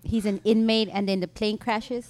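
A woman's voice: medium pitch, fairly even intonation, normal speed, a little mellow. A woman co-hosting a podcast in casual chat, rambling and laughing at herself. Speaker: podcast co-host.

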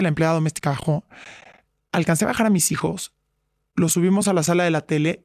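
A woman's voice: lowish voice, a little mellow, dry recording, clean studio sound. A middle-aged woman, a guest giving earnest personal testimony and acting out past arguments. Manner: earnest, retells quarrels by acting out both sides. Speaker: interview guest.

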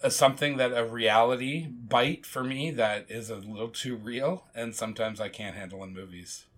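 A man's voice: medium pitch, normal speed, a bit bright. A man co-hosting a podcast, talking casually and candidly about films, open about his emotions. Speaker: podcast co-host. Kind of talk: casual film discussion.

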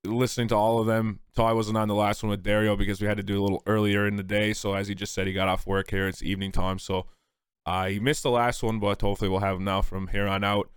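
Male podcast host, congested stuffy-nose sound, relaxed chat style, dry recording. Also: lowish voice, fast, clear, resonant tone, no echo. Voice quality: congested, stuffy-nosed from allergies. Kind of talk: casual podcast hosting.

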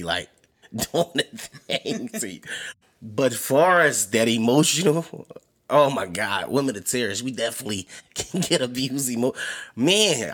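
A man's voice: mid-range voice, fairly bright tone. Laid-back laughing male podcast host. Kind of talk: casual chat.

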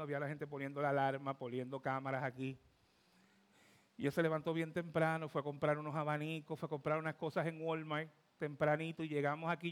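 A man in his fifties with a Puerto Rican accent, a pastor telling a testimony in a sermon, animated, swinging from loud to hushed. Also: fairly high pitch, smooth. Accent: Puerto Rican Spanish. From Puerto Rico. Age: 50s.

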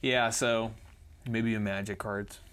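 A man's voice: lowish voice, slow pace, slight background noise. A man co-hosting a podcast, telling stories in casual chat and acting out other people's lines with laughter. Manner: animated, acts out other people's lines in quoted voices. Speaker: podcast co-host.

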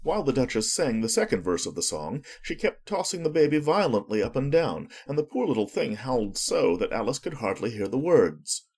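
Animated, husky male storybook narrator. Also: mid-range voice, brisk, few pauses. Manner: expressive storytelling.

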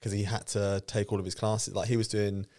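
A young man co-hosting a podcast, telling animated anecdotes. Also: fairly low pitch, brisk. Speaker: podcast co-host. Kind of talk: casual chat.

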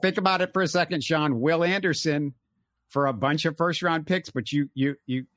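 A man hosting a casual sports talk show, animated and full of fillers. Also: a little high, moderate pace, no echo. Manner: animated, talks in bursts with fillers. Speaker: podcast host.

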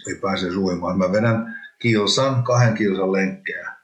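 Low-voiced man, halting, in an echoey room. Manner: rambling, halting, with many restarts. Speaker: interview guest, former professional hockey player. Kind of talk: casual interview. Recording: roomy echo.

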